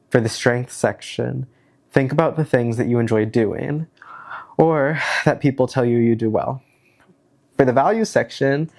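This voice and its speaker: A young male vlogger with a cold sounds stuffy and nasal, his medium-pitched voice carrying vocal fry and a slightly mellow quality. He reads a self-help worksheet aloud in casual chat, rambling and hesitating with lots of fillers.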